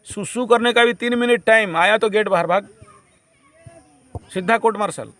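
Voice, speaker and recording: A man's voice: sits high, normal speed, fairly bright tone. A man teaching a camp group in a preachy, repetitive way, slipping English phrases into his lecture.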